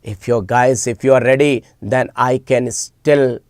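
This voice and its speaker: A man's voice: mid-range voice, steady tone, measured pace, clean tone, no room sound, studio quality. A man with an Indian accent chatting informally with students as an online teacher, emphatically repeating words and phrases. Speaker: online teacher hosting a live class. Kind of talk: informal live-stream chat with students.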